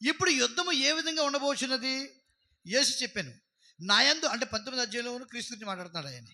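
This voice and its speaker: High, bright-voiced preaching pastor, a man. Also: lively intonation, quick pace. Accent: Telugu. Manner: preaching with rhetorical questions and loud emphatic peaks. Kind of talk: Telugu church sermon. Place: church service.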